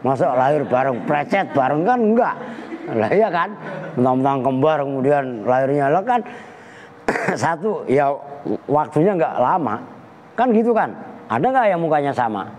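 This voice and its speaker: A man teaching a religious text at an Islamic boarding school, his voice sitting somewhat high. He jokes animatedly, mimics animal sounds and chants Arabic verses slowly. A long hall echo trails his words over a faint background hum. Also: big pitch swings, darkish tone. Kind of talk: kitab lesson with Arabic recitation. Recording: long reverb with faint ambient noise.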